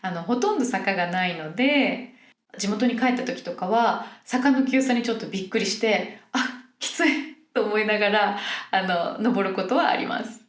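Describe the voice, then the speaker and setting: A young woman from Yokohama hosts a podcast for Japanese learners, explaining things in a friendly way and acting out example phrases. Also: mid-range voice. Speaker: podcast host teaching Japanese. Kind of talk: casual podcast monologue. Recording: roomy echo.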